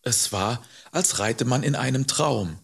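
A man reading an audiobook aloud in an expressive, measured storytelling manner. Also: medium pitch, creaky, slightly rough. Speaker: audiobook reader. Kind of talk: audiobook narration.

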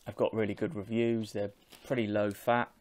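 A man, talking in a measured, explanatory way as a vlogger chatting casually on an earphone microphone at home. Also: fairly low pitch, little pitch movement, darkish tone. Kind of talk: casual chat to camera. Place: small home room with bookshelves.

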